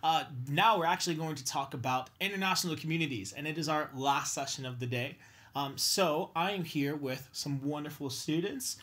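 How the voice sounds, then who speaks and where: A man hosting a casual panel chat with students, upbeat and quick to laugh. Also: fairly high pitch, a bit bright. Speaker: host.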